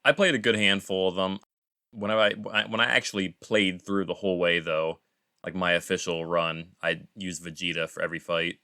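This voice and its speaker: A man's voice: deep voice, level tone, fairly quick, pushed and bright, dry recording, clean studio sound. A man co-hosting a casual gaming podcast, laid-back and full of "like" and "dude". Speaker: podcast co-host.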